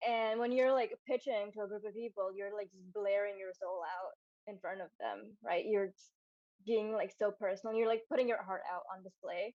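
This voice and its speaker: A woman's voice: medium pitch, steady tone, moderate pace, a little mellow, dry recording. Young woman, storyboard artist, casual interview, chatty, many fillers, muffled dry audio. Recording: dull dry sound.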